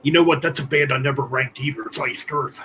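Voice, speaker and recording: Bright-voiced man in his forties, laid-back. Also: medium pitch, steady tone, fast, a little hiss or hum. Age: 40s. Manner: laid-back, chatty metal fan. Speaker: host. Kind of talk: casual livestream chat. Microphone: streaming setup.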